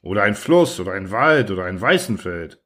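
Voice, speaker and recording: A man's voice: fairly low pitch, big pitch swings, brisk, fairly bright tone. A man reading the lines of a stubborn, naive young soldier who plays dumb.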